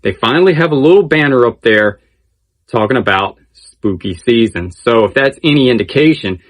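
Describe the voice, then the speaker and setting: A man's voice: medium pitch, animated, moderate pace. A man hosting a casual update video, chatty and enthusiastic, repeating phrases for emphasis. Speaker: video channel host. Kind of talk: casual news-update commentary.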